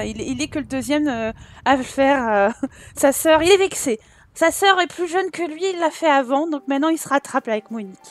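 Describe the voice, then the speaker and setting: High-pitched young woman doing chatty game commentary, talks to her characters, giggles a lot. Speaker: gameplay YouTuber. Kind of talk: casual let's play commentary.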